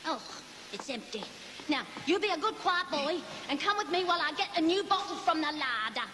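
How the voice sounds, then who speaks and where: High-voiced Cockney schemer. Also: female voice, animated, rough recording. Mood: coaxing. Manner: motherly endearments, practical and brisk. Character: scheming, chatty working-class London pie-shop woman. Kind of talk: theatrical stage-musical dialogue.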